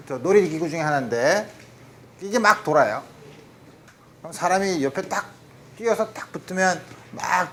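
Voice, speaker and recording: A man with a slightly high voice lectures on physics, working through each problem one step at a time. He keeps checking in with his listeners and drops English technical terms into his explanations. A faint hiss sits under the lecture-room recording. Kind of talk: university lecture at a board.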